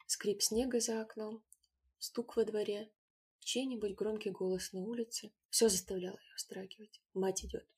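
A woman narrating a storybook with an expressive reading that gives each character its own voice. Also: mid-range voice, moderate pace, breathy edge. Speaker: audiobook narrator.

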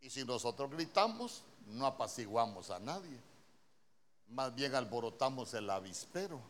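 A man's voice: mid-range voice, big pitch swings, normal speed, a bit bright, slight background noise. A male preacher with a Honduran accent, giving a conversational sermon and often asking his congregation questions. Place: church.

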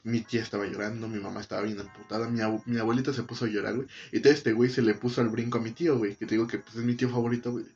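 A man's voice: lowish voice, very fast, few pauses, lo-fi sound, faint music behind. A young man with a Mexican Spanish accent, casually telling a story full of profanity and acted-out quotes. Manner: profane, slangy, animated retelling with acted quotes.

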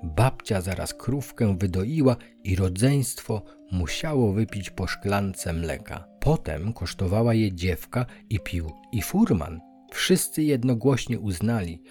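A man with a low voice reads a children's fairy tale aloud. He keeps it calm and measured, taking each sentence evenly. Faint music sits underneath the narration.

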